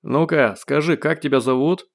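A man voicing a gruff male guard shouting rough, bossy orders through a loudspeaker in an audiobook. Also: fairly high pitch, normal speed. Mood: exasperated. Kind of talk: audiobook character voice.

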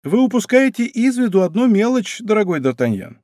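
A man's voice: high-pitched, very animated, a little fast, warm tone, no room sound, studio quality, voice pushed up. A man voicing a sly, timid, middle-aged fortress commandant who complains in a plaintive, wheedling way.

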